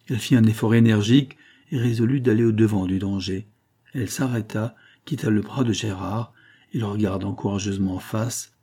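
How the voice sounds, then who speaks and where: A man narrating an old novel aloud with steady, measured phrasing. His voice sits low and dark, with a husky grain. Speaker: audiobook reader. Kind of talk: reading a 19th-century novel aloud.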